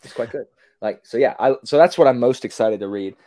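On a video call as a podcast guest, a man in his forties chats casually, animated and rambling, often cutting himself off. His mid-range voice moves briskly, and the clean studio sound has no room sound.

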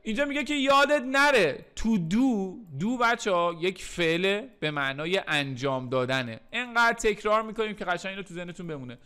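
A man teaching English in a recorded lesson, repeating English phrases slowly and then explaining them, with playful joking asides. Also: high voice, expressive, pushed and bright, clean tone. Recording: faint music underneath.

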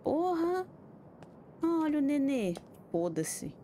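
A woman's voice: medium pitch, animated, normal speed, a little mellow, slight background noise. A Brazilian woman streaming a horror game, talking to herself in casual commentary, swearing often and jumping at scares. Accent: Brazilian Portuguese. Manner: swears a lot, jumpy and exclamatory.

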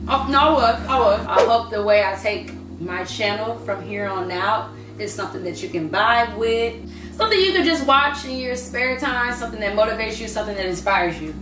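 A young woman in her twenties chatting playfully and slangily while she cooks in her home kitchen, recorded by a camera across the counter. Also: mid-range voice. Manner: chatty, playful, slangy, sing-song asides. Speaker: cooking vlogger. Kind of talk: casual cooking vlog chat. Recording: roomy kitchen audio from a distance, music behind. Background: loud background music.

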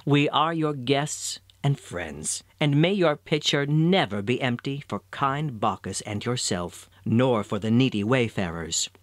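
A man voicing a mild, grand elder male traveler god with a deep voice, solemn and kindly, in a storybook reading. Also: animated, a little slow, few pauses, no room sound, lightly acted.

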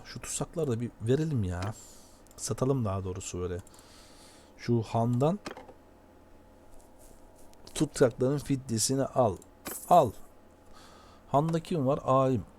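A man giving casual, excitable commentary while playing a video game, often shouting at it. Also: mid-range voice, a little hiss or hum. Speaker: gameplay commentator.

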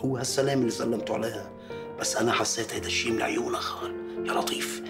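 A man's voice: mid-range voice, steady tone, racing, lightly acted. A man in a dubbed TV drama, talking earnestly and pleading. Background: music score.

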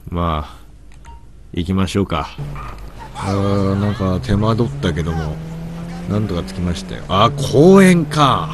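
A man's voice: sits low, animated, measured pace, pauses often, noisy background. A man with a stuffy nose, doing gameplay commentary, grumbling to himself and mock-scolding characters in the game. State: stuffy nose from hay fever.

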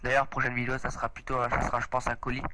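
A young gaming channel host, a bit stuffy from a cold, runs a casual let's play chat, excitable and chatty with frequent exclamations. His mid-range voice races along. The audio is poor, though without echo.

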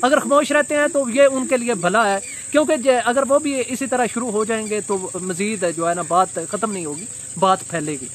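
A man in his thirties giving a casual commentary vlog outdoors beside a brick wall, recorded on a phone camera, pausing often with fillers. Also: high voice, slight background noise. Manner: hesitant, many filler pauses. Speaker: vlogger. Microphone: phone camera at arm's length.

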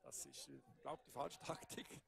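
Expert co-commentator, casual. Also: male voice, medium pitch, steady tone, moderate pace, vocal fry. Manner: casual and explanatory, with fillers. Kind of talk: analytical race commentary.

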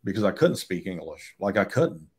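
With a low, slightly rough voice that swings widely in pitch, a man in his forties speaks at a moderate pace. The Georgia, USA photographer is a video-call guest, recorded on a webcam indoors at home. His casual chat runs on blunt, swear-heavy storytelling.

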